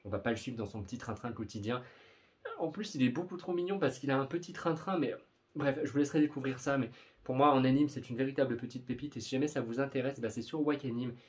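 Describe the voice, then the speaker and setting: A man's voice: medium pitch, fast. A young man chatting casually in a vlog about upcoming manga, rambling and often stumbling over his words. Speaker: manga YouTuber.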